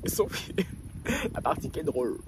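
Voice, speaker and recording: Young Ivorian vlogger, animated storyteller, lively pitch, slightly high. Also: male voice, moderate pace, noisy background. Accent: Ivorian French. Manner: animated, laughing, self-mocking. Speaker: gossip vlogger. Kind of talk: storytime confession.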